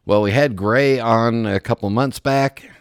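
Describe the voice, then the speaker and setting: A man's voice: medium pitch, a little slow, clean tone, no room sound, clean studio sound. A man hosting a radio interview show, teasing his guests and laughing often. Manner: jokey, teasing, laughs a lot.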